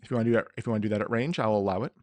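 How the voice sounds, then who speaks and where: A man running a tabletop game as game master, making deliberate rulings and correcting himself as he goes. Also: on the low side, darkish tone, dry recording.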